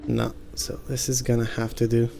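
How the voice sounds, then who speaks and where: A man hosting a gaming channel, calmly thinking aloud through his tactics as let's-play commentary. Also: medium pitch, normal speed, creaky. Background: game music.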